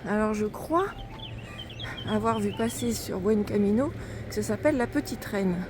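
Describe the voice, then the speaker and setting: A woman's voice: mid-range voice, normal speed. A woman chatting casually as she walks a mountain trail, narrating her pilgrimage for a vlog. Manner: chatty, narrating while hiking uphill. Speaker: pilgrim vlogger. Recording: outdoor wind and ambient noise.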